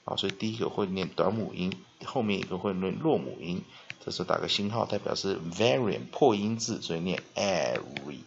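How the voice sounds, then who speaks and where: A man's voice: low-pitched, brisk, gravelly, a little hiss or hum. A man teaches English vocabulary at a whiteboard, explaining step by step, spelling words out and often drawing out a filler "ah". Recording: dull lo-fi recording.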